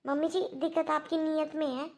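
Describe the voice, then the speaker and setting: Lady doing a young daughter-in-law in a cartoon, high voice, pretty flat, lecturing earnestly. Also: fairly quick, vocal fry.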